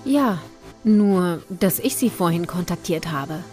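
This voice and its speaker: Calm young witch guide. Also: lowish voice, slow pace, soft background music. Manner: calm, instructive, ominous. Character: secretive young woman teaching witchcraft, calm. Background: film score.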